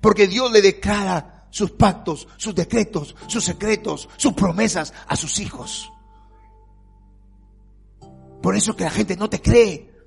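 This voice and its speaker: A high-voiced preacher delivers a fervent sermon, rising to shouts and dropping to near-quiet. His voice is husky and gravelly. Faint music plays beneath him. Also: unhurried. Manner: fervent, swinging between shouting and near-quiet, asks "me entiende?".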